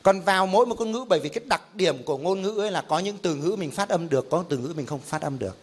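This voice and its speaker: A middle-aged pastor teaches a Bible class. His voice sits fairly high for a man, and he asks rhetorical questions and gives examples as he explains. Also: lively intonation, fast talker, breathy edge.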